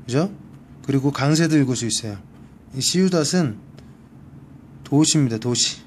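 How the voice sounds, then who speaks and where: A man's voice: mid-range voice, animated, normal speed, slight background noise. A man teaching a one-on-one Spanish grammar lesson, patiently repeating each word for practice. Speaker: Spanish tutor. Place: library.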